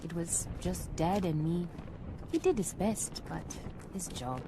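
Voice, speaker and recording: An actress playing a plucky young woman in danger in an audio drama, expressive in delivery. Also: fairly low pitch, slow pace, background noise. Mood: calm, confiding. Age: young adult. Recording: loud music behind the voice.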